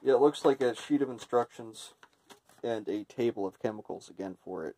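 A man's voice: mid-range voice, normal speed, dark tone. A man giving a casual, unscripted hands-on product review, thinking aloud in a hesitant way. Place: indoor room with tiled floor.

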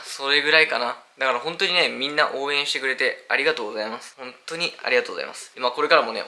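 A man's voice: mid-range voice, sharp tone. A young man talking unscripted to his viewers, rambling with many fillers, earnest and apologetic. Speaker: YouTuber announcing a hiatus. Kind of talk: unscripted talk to camera.

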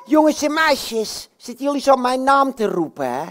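A puppeteer doing Jan Klaassen, loud boastful puppet hero. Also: high-pitched, sing-song, normal speed, pitched above the performer's own voice. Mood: boisterous. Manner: loud, exclaiming, talks straight to the children. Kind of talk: puppet show. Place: bookshop, indoors.

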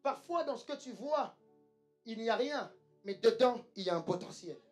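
A woman's voice: on the high side, expressive, moderate pace, a little mellow, faint music behind. A woman preaching a sermon with emphasis, repeating lines and calling the congregation to say them back. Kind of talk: church sermon.

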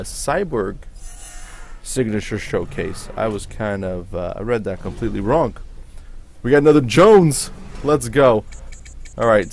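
A man's voice: on the low side, darkish tone, a little hiss or hum. A man hosting a gaming video with casual commentary, reacting aloud to what appears on screen.

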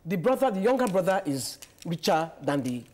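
A woman's voice: on the low side, very animated, brisk, darkish tone. A middle-aged woman, a panel guest telling stories emphatically and laughing often. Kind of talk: casual panel discussion. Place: TV studio set.

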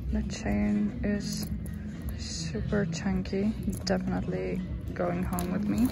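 A young woman talks through a try-on haul in a relaxed, unhurried, chatty way, gushing about the pieces she likes. She is filmed on a phone held at arm's length in a fitting room. Clear music plays under her voice. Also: medium pitch. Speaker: fashion vlogger. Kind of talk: casual try-on haul narration.

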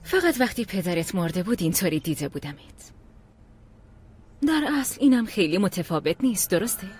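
A woman's voice: lowish voice, very animated, darkish tone, a little hiss or hum. A voice actress dubbing a spiteful woman rival who taunts her defeated opponent with mocking pity in a TV drama. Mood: taunting. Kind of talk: dubbed TV drama.

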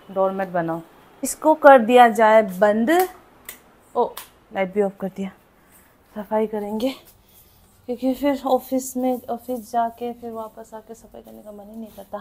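A young woman vlogging casually from her small room at home, chatting to viewers and mixing English words into her speech. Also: a little high. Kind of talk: casual vlog chat.

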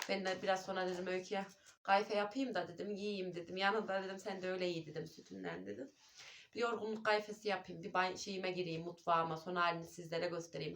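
A woman's voice: fairly low pitch, a bit bright, a little hiss or hum. Woman, homey vlogger and mother, talkative, friendly address to viewers, phone-camera sound in a house. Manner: chatty, keeps calling viewers dear friends. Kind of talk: casual home vlog chat. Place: at home indoors.

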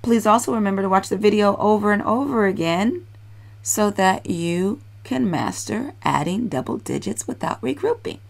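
A woman's voice: mid-range voice, expressive, normal speed, gravelly. A woman teacher patiently explaining a children's math lesson, encouraging and repeating steps.

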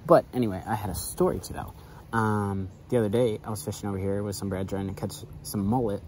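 Fishing off a backyard dock beside a canal, a young adult vlogger keeps up casual, rambling commentary full of fillers, recorded with a head-mounted camera. He talks fast in a lowish, a little mellow voice with fairly even intonation. The recording is rough, with slight background noise.

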